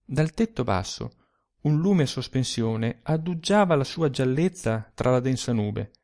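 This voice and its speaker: A male narrator reading a literary tale at an unhurried pace. His voice has a gravelly, creaky edge, and his pitch rises and falls freely. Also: animated, a little mellow.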